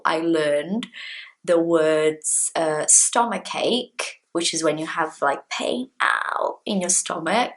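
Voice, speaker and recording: This is casual talk to camera from a Brazilian English teacher, a young woman who grew up speaking Portuguese. Her voice sits low, and she is chatty and expressive, moving her hands as she speaks in a small room at home.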